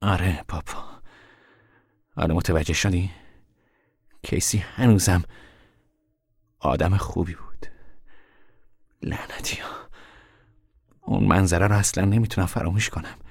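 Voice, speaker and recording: A man's voice: steady tone, gravelly, long pauses, a little mellow, husky, dry recording, clean studio sound, full character voice. An actor playing a weary young man on the run who talks in a tired, grim way. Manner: tired, grim, low-voiced.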